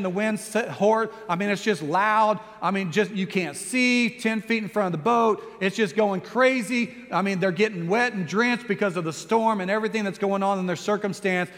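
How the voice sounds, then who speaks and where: A male pastor preaching a sermon, telling a story with animated delivery and acting out quoted lines. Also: high voice, big-room sound.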